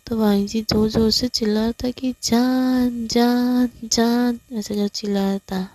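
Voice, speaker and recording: A woman's voice: mid-range voice, dark tone, dry recording, rough recording. A woman casually retelling a fan story in a chatty way, narrating scene by scene. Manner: chatty, keeps saying "our" hero.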